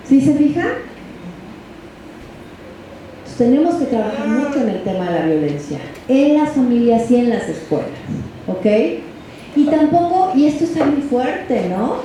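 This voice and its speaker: A woman's voice: sits high, mellow. A middle-aged woman with a Mexican accent giving a workshop lecture to parents, chatty and checking in with tag questions. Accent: Mexican Spanish. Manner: conversational, ends phrases with tag questions to the audience. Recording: echoey room with faint background noise.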